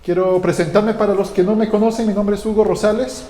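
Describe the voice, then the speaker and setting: A man's voice: sits high, steady tone, a little fast, warm tone, a little hiss or hum. A man from Guatemala, a pastor, giving a conversational sermon with frequent fillers and restarts. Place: church hall. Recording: echoey church hall with long reverb.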